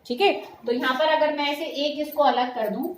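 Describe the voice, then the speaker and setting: In a classroom where students answer back, a woman chemistry teacher with a high voice lectures at a moderate pace, blending Hindi and English terms. She frequently makes sure the class understands and addresses them as "beta." The recording has an echoey sound with faint noise.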